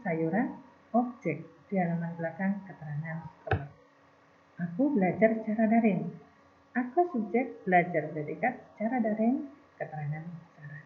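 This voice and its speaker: A woman teaching a grammar lesson, explaining step by step and trailing off softly at the ends of phrases. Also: mid-range voice. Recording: tinny phone-like recording.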